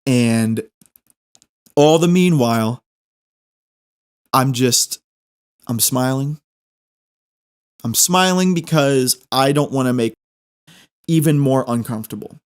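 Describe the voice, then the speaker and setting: A man's voice: medium pitch, slow pace, long pauses, clear, resonant tone. Self-deprecating man telling a rambling story. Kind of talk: casual anecdotal storytelling.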